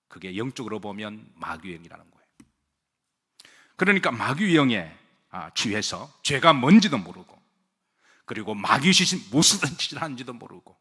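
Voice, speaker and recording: In a church sanctuary with a long hall reverb, a male pastor preaches a sermon to his congregation. His voice is medium-pitched and fairly bright with a breathy edge, and he asks them questions, has them repeat phrases after him, and jokes with them lightly.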